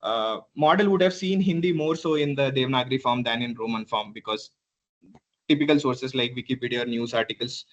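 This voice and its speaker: A man presenting a PhD thesis defense in a halting, hedging academic way, often repeating words and clearing his throat. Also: medium pitch, highs cut off. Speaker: PhD candidate.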